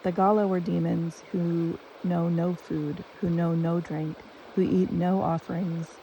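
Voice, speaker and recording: A storyteller reciting an ancient myth slowly and with measure. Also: medium pitch, flat delivery, warm tone, lo-fi sound. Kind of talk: myth retelling. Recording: distant mic with stream noise.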